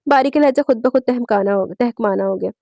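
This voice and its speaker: A woman narrating a romance novel at a brisk pace, stopping now and then to correct a word. Her voice sits a little high, with a dark, mellow tone, on a close, dry mic. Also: vocal fry, no echo. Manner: steady storytelling with small self-corrections. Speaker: audiobook narrator.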